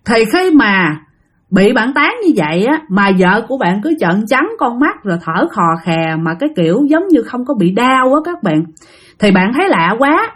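A woman's voice: a little high, big pitch swings, normal speed, husky. A woman narrating a ghost story, chatty and addressing listeners directly.

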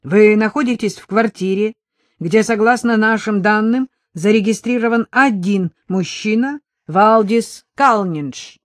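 A reader putting on a stocky, stern militiaman who talks in a dry, bureaucratic way. The voice sits a little higher and louder than the narration, recorded close and dry. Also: unhurried, no echo, lightly acted. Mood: officious.

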